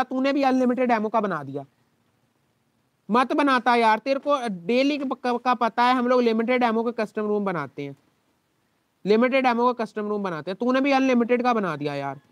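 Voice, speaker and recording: A man with a Pakistani Urdu accent, a game streamer talking to his live chat in an exasperated, complaining way, his throat dry from shouting. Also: very high-pitched, expressive, normal speed, no echo. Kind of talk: live gaming stream talk.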